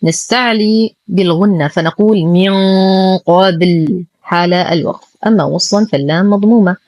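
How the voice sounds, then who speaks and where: A woman teaching Quran recitation, who alternates brisk rule explanations with very slow, carefully drawn-out model readings. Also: on the low side, a little mellow, no room sound.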